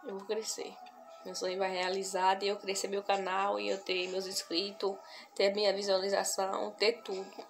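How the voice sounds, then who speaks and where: With faint music behind her, a young adult woman speaks to her viewers from a couch in a small room at home. Her medium-pitched voice is monotone with vocal fry, soft-spoken in a casual, heartfelt vlog, with frequent pauses and repetition as she collects her thoughts. The noisy recording is from a phone camera at arm's length.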